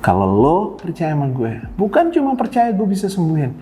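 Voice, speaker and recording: A man's voice: high voice, sing-song, brisk, dark tone, slight background noise. A male pastor giving a casual online sermon, slangy and playful, dropping in English phrases. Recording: long reverb with faint music.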